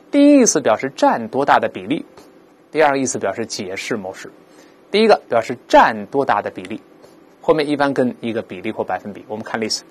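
In an English vocabulary lesson, a man breaks down words by asking rhetorical questions, then voices them slowly for pronunciation drills. There's a breathy edge to his mid-range voice.

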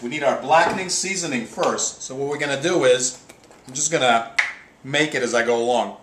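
A man's voice: medium pitch, fairly quick, noisy background. A middle-aged man hosting a casual home cooking show, chatting upbeat as he works at the stove. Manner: chatty, upbeat, talks while working at the stove. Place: home kitchen, indoors. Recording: echoey kitchen with loud sizzling.

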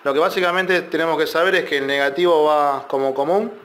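A man's voice: on the high side, fairly quick, a bit bright. Man explaining electronics repair. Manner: loose, explanatory, many fillers and restarts. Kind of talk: casual technical tutorial.

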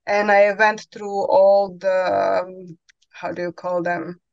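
Speaking slowly in a creaky, mid-range voice with little pitch movement, a woman in her forties with a Croatian accent joins a podcast interview from home over a headset video call. English is her second language, so she often searches for words and fills gaps with many fillers. The audio is dull, without room sound.

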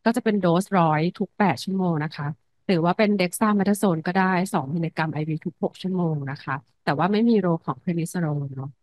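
A woman lecturer teaches internal medicine in a calm, explanatory way, sprinkling English medical terms through her talk. Her voice sits a little low for a woman. The recording is dry and close, with no room sound. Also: no room sound, rough recording.

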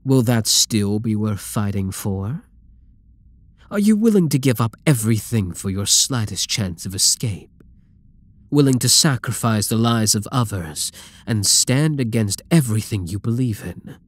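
Breathy and husky, a man's voice on the low side carries lively intonation as he plays an obsessive, dominant supervillain taunting a captive hero. It's a scripted ASMR roleplay monologue on a dry recording. He speaks slowly with possessive menace, often falling to a whisper.

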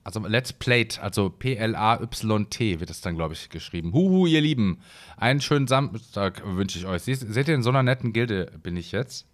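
A man's voice: lowish voice, animated, normal speed. A man from Hesse rambling through casual gameplay commentary at his desk mic, with lots of fillers. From Hesse, Germany. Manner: chatty, rambling, many fillers. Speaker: let's play host.

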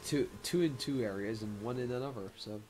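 A man with a hoarse throat, rambling casually through gameplay commentary with lots of fillers. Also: medium pitch, a little fast, a little mellow. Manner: rambling, many fillers and self-mocking laughs. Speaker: game streamer. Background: game music.

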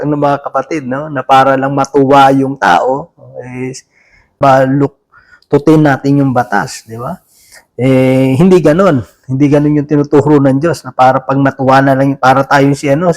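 A man with a fairly high, slightly mellow voice preaches a sermon in a casual, conversational style, often turning to the listeners with a question. He is chatty and informal, with many restarts and fillers.

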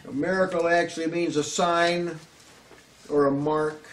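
A man's voice: on the high side, steady tone, unhurried, a bit bright. An older man with a Southern US accent preaching an earnest, emphatic sermon at a lectern, often restarting his phrases. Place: small room before a curtain backdrop, at a lectern. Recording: echoey room, slightly distant mic, faint hiss.

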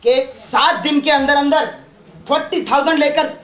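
A brash young man, showy and boastful, flaring into shouts, as an actor plays him on stage. His voice rides high, and the stage gives it a ringing echo. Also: fairly even intonation, normal speed. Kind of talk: live stage play acting. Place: theatre stage. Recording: echoey stage.

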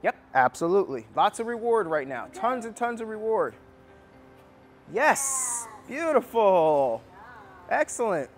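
A man teaches a hands-on dog training lesson in an indoor room, talking with a fairly high voice. He coaches with upbeat praise, and faint music plays behind him. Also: sing-song, fairly quick, hardly any pauses.

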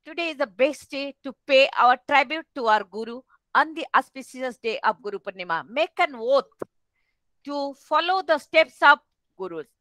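A middle-aged woman with an Odia Indian accent gives a formal address as webinar host. Her voice is high and bright, picked up closely and dryly on a headset. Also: expressive, moderate pace, dry recording, low-quality recording. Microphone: headset on video call.

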